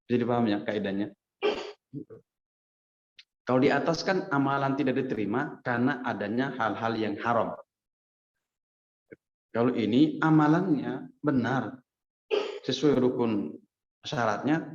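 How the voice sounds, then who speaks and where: A man preacher giving a casual, lively hadith lesson in a mosque, often turning to his listeners and acting out quotes. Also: mid-range voice, normal speed, pauses often. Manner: lively, addresses listeners as Pak, acts out quotes. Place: mosque hall. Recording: echoey dull mosque recording.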